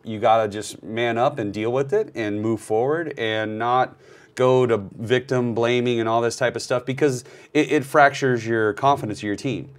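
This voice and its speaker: A man's voice: medium pitch, steady tone, moderate pace. A rugby coach, a man, giving firm, plainspoken opinions in a casual podcast chat.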